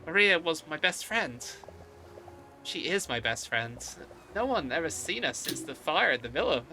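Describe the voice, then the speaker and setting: A man's voice: on the high side, very animated, moderate pace, bright, forceful tone, faint music behind, pitched above the performer's own voice, full character voice. A man voicing an earnest woman of fifty who recalls a lost best friend, reading game dialogue aloud. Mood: wistful, insistent.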